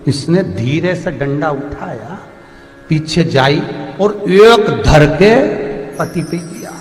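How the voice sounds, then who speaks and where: A man's voice: fairly high pitch, takes it slowly. Man preaching a story in an echoey hall. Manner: animated storytelling. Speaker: religious storyteller. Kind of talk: devotional story sermon. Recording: echoey hall with faint music.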